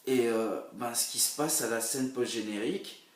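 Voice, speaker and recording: A man's voice: medium pitch, normal speed. Young man, casual film vlog, hesitant fillers, roomy, distant mic. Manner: rambling, hesitant with many fillers, bursts of excitement. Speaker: film reviewer vlogger. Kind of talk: casual film review monologue. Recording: roomy echo, a bit far from the mic.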